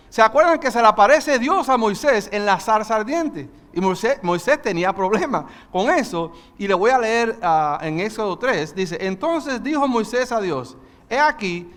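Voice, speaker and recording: A man teaching a Bible study, talking fast and passionately and slipping English words into his sermon. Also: high-pitched, fairly bright tone, in a large hall. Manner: mixes English into Spanish. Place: church hall.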